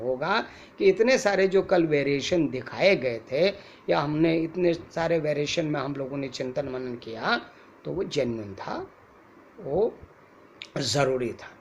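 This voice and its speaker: A man's voice: on the high side, slight background noise. A man teaching an acting lecture, explaining with spoken examples and rhetorical questions.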